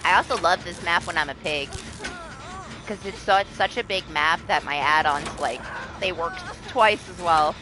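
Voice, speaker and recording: A woman's voice: lowish voice, normal speed, music in the background. A young woman live streaming a game, chatting casually, laughing often and swearing freely. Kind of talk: casual gameplay commentary. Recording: background noise.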